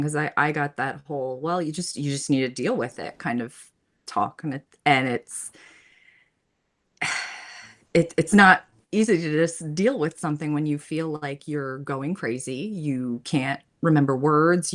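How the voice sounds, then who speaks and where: A middle-aged woman guest speaking candidly and earnestly in a casual conversation. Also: low-pitched.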